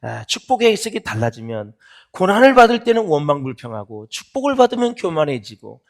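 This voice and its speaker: A Korean pastor preaching in a church, swinging between loud exclaiming and soft near-whispered asides, asking the congregation questions and answering them himself. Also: male voice, a little high, very animated, a little fast. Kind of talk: sermon. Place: church sanctuary.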